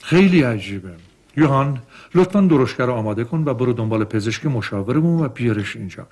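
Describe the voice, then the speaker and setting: A man's voice: mid-range voice, lively intonation, a little mellow, natural voice. A man voicing a jovial, reassuring wealthy father in a dubbed cartoon. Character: warm wealthy father, confident.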